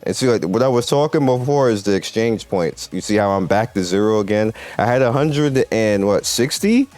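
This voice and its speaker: A man hosts a mobile game video with an expressive, slightly mellow voice on the low side, at a moderate pace. His gameplay commentary is casual and emphatic, aimed at viewers and developers, and he repeats his points. Music plays behind him.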